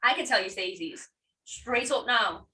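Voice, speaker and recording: A woman's voice: medium pitch, animated, measured pace, bright, forceful tone. A woman co-hosting a casual podcast, joining in with playful teasing banter. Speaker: podcast co-host. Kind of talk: casual chat.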